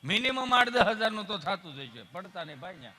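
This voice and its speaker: Young stage comic, high bright voice, faint music behind him. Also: male voice, very animated, quick pace, a little hiss or hum. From Gujarat, India. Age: young adult. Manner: folksy, acts out characters in his stories. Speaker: stand-up comedian at a folk stage show. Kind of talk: stage comedy storytelling.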